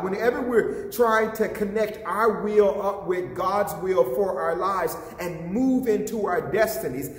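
A man, an associate pastor, preaching a sermon with passion and putting questions to his listeners, recorded in a church sanctuary. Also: high-pitched. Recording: echoey hall, voice from a distance.

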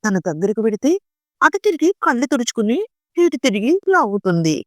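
A woman reading a short story aloud in a slow, expressive, gently dramatic way. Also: a little high, no room sound, studio quality.

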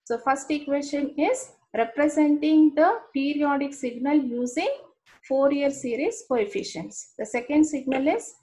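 Woman, Indian English accent, lecturer, slightly high pitch, explanatory, repeats key terms. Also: a little mellow, low-quality recording. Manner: explanatory, frequent "okay" checks, repeats terms. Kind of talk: engineering lecture.

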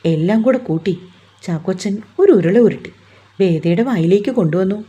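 A woman reading a romance novel aloud in calm, even storytelling narration. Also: lowish voice, moderate pace, breathy edge, lo-fi sound.

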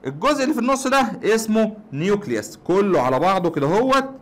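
A man's voice: high voice, sing-song, fast. A young man with an Egyptian Arabic accent, a chemistry teacher explaining casually, quizzing the listener and answering his own questions.

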